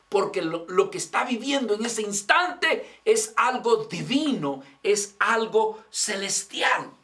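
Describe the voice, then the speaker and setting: Guy preaching at church, kinda high voice, asks the brothers lots of questions, gets loud then goes quiet. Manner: preaching with rhetorical questions, addressing the congregation as brothers; dramatic swings from raised voice to hushed endings. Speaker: pastor. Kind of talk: sermon.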